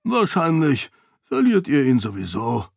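A man's voice: mid-range voice, slow pace, creaky, husky, no room sound, exaggerated voice. A man voicing a wry, teasing nobleman who cautions his peers. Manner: warning, dry teasing.

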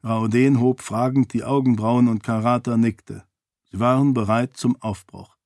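A man narrates a fantasy novel at a steady, measured pace. His voice sits at a middle pitch. He is recorded close and dry, with no room sound. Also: no echo. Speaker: audiobook narrator. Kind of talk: scripted narration.

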